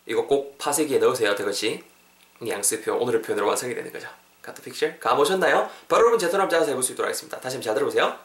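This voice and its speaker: A man hosting a podcast English lesson, explaining phrases and drilling them slowly and repeatedly for learners. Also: on the high side, a bit bright, echoey room. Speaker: English teacher, podcast host.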